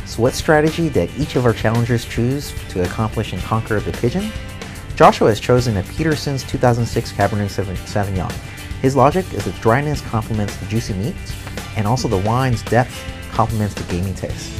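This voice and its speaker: A man's voice: mid-range voice, lively intonation, fairly quick, over music. A man narrating a food and wine show, explaining recipes step by step in an upbeat way. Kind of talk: cooking show voice-over narration.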